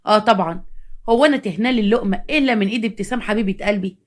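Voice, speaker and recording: A woman with an Egyptian accent voicing a two-faced, cheating husband who flatters smoothly. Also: medium pitch, rapid-fire, close to an everyday voice. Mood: flattering. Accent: Egyptian Arabic.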